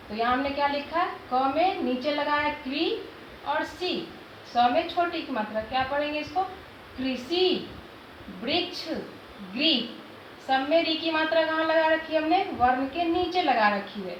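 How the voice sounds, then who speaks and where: A woman teaching a Hindi lesson to young children. She asks questions and answers them herself, sounding out each syllable slowly. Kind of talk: classroom lesson explaining Hindi vowel signs. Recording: echoey room, dull low-fi sound, background noise.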